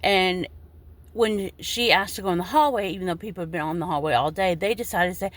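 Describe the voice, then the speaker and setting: A woman's voice: lowish voice, fairly quick. A woman in her forties, upset and indignant, venting straight to her followers in a video and cursing now and then. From United States. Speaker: vlogger.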